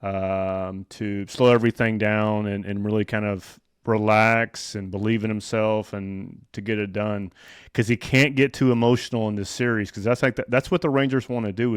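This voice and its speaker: A man hosting a casual sports chat, talking like an excitable fan. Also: fairly low pitch, moderate pace, smooth, no echo, clean studio sound. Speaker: podcast host.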